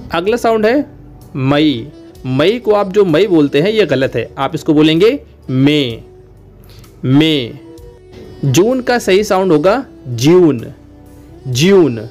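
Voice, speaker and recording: A man's voice: on the high side, a little mellow. A man, an English trainer teaching pronunciation in a video lesson, explaining patiently and repeating example words.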